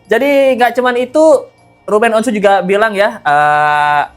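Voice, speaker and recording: Here is a gossip vlogger talking straight to viewers at a medium pitch, easy and conversational, quick to tease and to laugh. Soft music runs underneath the voice the whole time. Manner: chatty, teasing, laughs often. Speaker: gossip commentary host. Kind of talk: casual celebrity gossip commentary. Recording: light background music.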